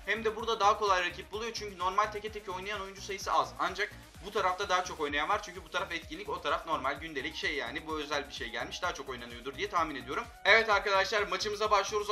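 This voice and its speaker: A young man commentating his own mobile football match, excitable and quick to vent frustration at his players. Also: high-pitched. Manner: excitable, frustrated outbursts at teammates. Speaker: gaming channel host.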